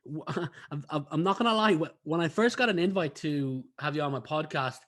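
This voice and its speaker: A man's voice: on the high side, a little fast, fairly bright tone. A man hosting a podcast interview, chatty and friendly. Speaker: podcast host. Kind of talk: casual interview.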